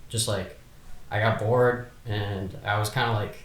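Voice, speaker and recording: A man's voice: on the low side, fairly even intonation, unhurried, a bit bright, echoey room. Hesitant young man, filler-heavy chat. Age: 20s. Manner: hesitant, many fillers and restarts. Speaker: podcast guest. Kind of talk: casual chat.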